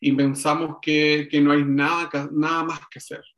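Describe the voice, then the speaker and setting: A man preaching a sermon, slow and reflective, with frequent pauses and restarts, for an online service. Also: fairly high pitch, flat delivery, a bit bright. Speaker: pastor.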